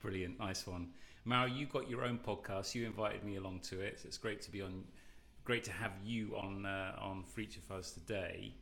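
A man's voice: on the low side, steady tone, moderate pace, creaky, hardly any pauses, fairly bright tone, slight background noise. A man hosting a podcast, welcoming his guest in an upbeat, easygoing way. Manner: upbeat, laughs easily. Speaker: podcast host. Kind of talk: casual interview talk.

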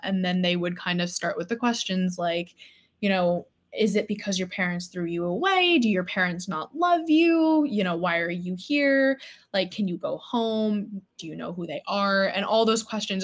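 Thoughtful young woman from Florida. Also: mid-range voice. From Florida, United States. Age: 20s. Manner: thoughtful, conversational, with frequent fillers. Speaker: podcast guest. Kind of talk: casual interview.

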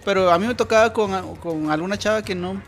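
A high-pitched man, chatting casually as a podcast co-host. He laughs often and acts out little quoted scenes. Faint music plays behind him. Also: a little fast, a bit bright. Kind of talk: casual chat.

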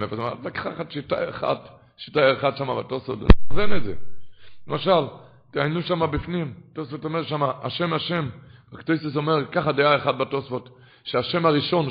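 A man's voice: mid-range voice, creaky. A man, a rabbi, giving an impassioned Torah lecture that rises at times into chanting. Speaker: rabbi teaching a class. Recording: dull lo-fi recording.

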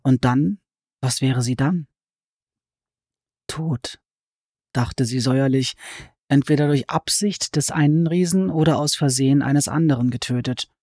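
A man narrates a fantasy novel with a measured, expressive reading. His voice sits in the middle of the male range. The recording is dry and close, with no room sound. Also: mid-range voice, no room sound. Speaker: audiobook narrator. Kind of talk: scripted narration.

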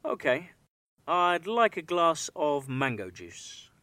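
A woman voicing a male customer ordering juice in a slow model dialogue for English learners. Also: low voice, big pitch swings, fairly bright tone, no echo, pitched below the performer's own voice, heavily acted. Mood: polite.

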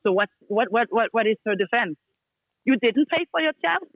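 A woman guesting on a podcast chats casually in English with non-native grammar, blunt and emphatic, hammering points home with repeated commands. Her fairly high voice is expressive at a moderate pace. The call line is dry, dull and lo-fi, with no room sound.

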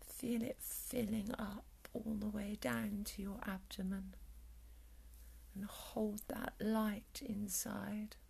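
A woman with a soft, calm whisper, guiding a breathing meditation in a soothing ASMR style. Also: medium pitch, slow pace, gravelly, slightly rough. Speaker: meditation guide.

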